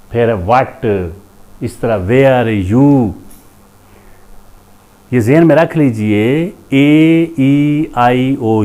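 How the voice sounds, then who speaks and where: A man's voice: mid-range voice, a little mellow. A man teaching English grammar in a classroom-style lecture, repeating each term and spelling out letters one by one. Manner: deliberate, repeats terms and spells letters aloud; opens with a religious invocation.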